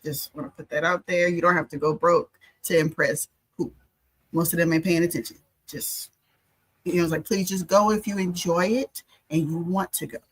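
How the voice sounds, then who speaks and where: A woman's voice: on the low side, steady tone, moderate pace, breathy edge, low-quality recording. An American woman talking casually as a panelist on a podcast.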